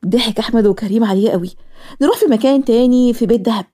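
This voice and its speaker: A woman with an Egyptian accent narrating a cartoon story, moving quickly between scenes. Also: a little high, dark tone.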